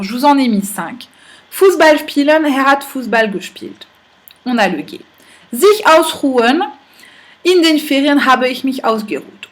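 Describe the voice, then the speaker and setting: A woman with a high voice works through a German grammar lesson, explaining each step patiently. She talks like a teacher addressing her class and now and then pauses with an "euh".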